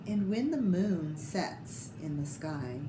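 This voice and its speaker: In an echoey room with clear noise behind her, an American woman narrates a children's picture book. Her voice is a little low, and she reads slowly and expressively, pausing to show her young audience the pictures.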